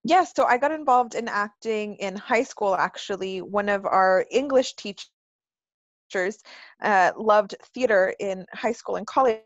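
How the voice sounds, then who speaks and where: A woman's voice: mid-range voice, unhurried, dry recording. Chatty woman in her twenties, dull dry sound. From California. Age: 20s. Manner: chatty and earnest, long flowing answers. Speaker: guest actress. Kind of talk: casual interview answers.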